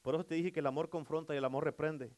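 A man's voice: fairly high pitch, fairly even intonation, very fast, a little mellow, muffled recording. A middle-aged male pastor preaching a sermon, emphatic and repetitive, often calling for amens.

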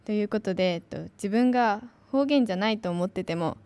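A woman's voice: medium pitch, animated, a little fast, darkish tone, clean tone, no room sound. A young woman from Kanagawa, an announcing student, giving a chatty free talk with many fillers. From Kanagawa, Japan. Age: young adult.

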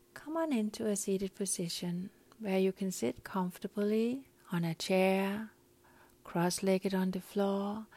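A woman guiding a breathing meditation in a calm, soft, often whispery voice, counting breaths. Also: mid-range voice.

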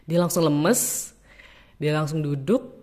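A young woman telling a travel story in a lively, casual way, mixing in English words. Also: deep voice, slow. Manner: lively, mixes in English, acts out quotes. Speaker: podcast host.

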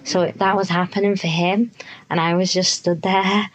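Rambling, low-voiced young woman. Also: steady tone, moderate pace, rough recording. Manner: rambling, self-deprecating, many fillers and swearing. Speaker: podcast host. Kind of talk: casual solo podcast monologue. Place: indoors, in a tent.

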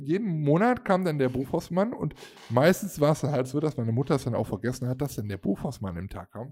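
With a fairly high, slightly mellow voice, a thirty-something man chats through a lengthy story. He meanders with filler words and performs the voices of those he's quoting.

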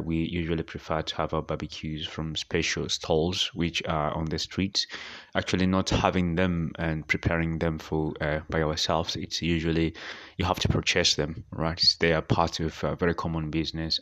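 A man from Tanzania, hosting a podcast and answering speaking-exam questions with many pauses and fillers. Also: very deep voice, a bit bright. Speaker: podcast host. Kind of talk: speaking-exam practice monologue.

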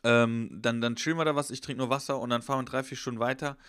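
A man's voice: mid-range voice, fairly even intonation, quick pace, fairly bright tone, smooth, no room sound, studio quality. A young man in casual chat, telling a rambling, slangy story and acting out the voices of the people in it.

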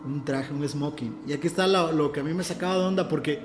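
A man's voice: a little high, quick pace, reverberant, music in the background. A man from Mexico with a Mexican accent, telling a personal story in casual, earnest conversation and often restarting his phrases. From Ciudad del Carmen, Mexico. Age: adult.

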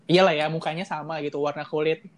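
A man's voice: fairly high pitch, little pitch movement, fast. A young man from Indonesia, a podcast guest who tells stories in casual slang and laughs often. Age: young adult. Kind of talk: casual chat.

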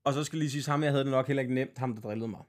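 Male co-host from Denmark, blunt, salty storyteller, mid-pitched voice. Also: steady tone. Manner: blunt, swear-heavy storytelling. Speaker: podcast co-host. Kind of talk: casual podcast chat.

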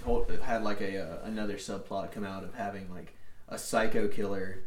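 A man's voice: on the low side, steady tone, moderate pace. A man hosting a podcast, chatting casually with crude, joking banter among friends. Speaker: podcast host. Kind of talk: casual chat. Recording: roomy sound, distant from the mic.

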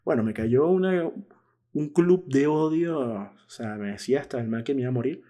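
A man in his thirties with a warm, relaxed voice hosts his own podcast. He thinks aloud in a loose, candid monologue at a middle pitch, chuckling at himself now and then. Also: moderate pace. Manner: thoughtful, frank, laughs at himself. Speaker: podcast host. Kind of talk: casual reflective monologue.

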